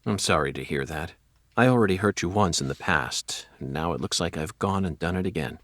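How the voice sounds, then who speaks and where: A man's voice: deep voice, lively intonation, fairly quick, fairly bright tone, no echo, studio quality. An actor playing a composed, wry male FBI agent who muses formally in a video game. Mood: wry, concerned.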